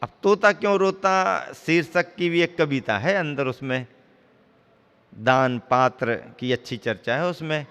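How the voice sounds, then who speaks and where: A man giving a sermon as a Jain monk, teaching slowly and deliberately with playful wordplay. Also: fairly high pitch, a bit bright, smooth. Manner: slow, deliberate teaching with wordplay, stretching words apart for emphasis. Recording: long hall reverb.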